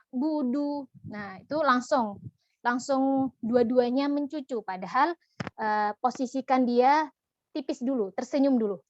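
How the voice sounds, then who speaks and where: Slow, high-voiced woman teaching recitation. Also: no room sound, dull audio. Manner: patient, gentle, demonstrates each syllable slowly. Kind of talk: online tajwid lesson.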